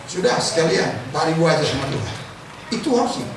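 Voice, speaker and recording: A male preacher giving a lively sermon, acting out prayers and quizzing the congregation. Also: a little high, fast talker, creaky. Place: church service hall. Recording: echoey hall, distant mic, noisy.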